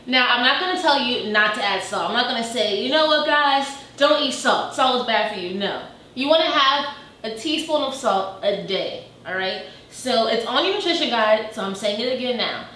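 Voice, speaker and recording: A young woman talks casually through her kitchen items as a fitness vlogger, upbeat and peppered with "you know" and "like". Her voice sits a little high. It is caught from a few meters off by a camera mic, so it sounds distant and echoey, with faint room noise behind. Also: animated, moderate pace, bright, forceful tone. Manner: chatty and upbeat, many fillers like "you know" and "like". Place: home kitchen, indoors. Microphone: camera mic from a few meters away.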